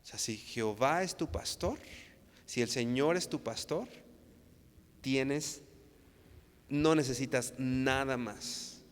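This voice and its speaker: A man's voice: medium pitch, takes it slowly, pauses often. A man from Mexico with a Mexican accent preaching a sermon, earnest and repetitive, often stumbling and restarting with tag questions. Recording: long reverb hall.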